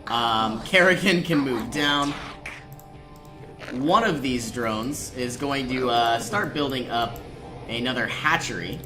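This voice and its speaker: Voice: mid-range voice, slow pace, over music. A person giving casual walkthrough commentary while playing a strategy game. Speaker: gameplay commentator. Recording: noisy, game sound behind voice. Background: strategy game sounds.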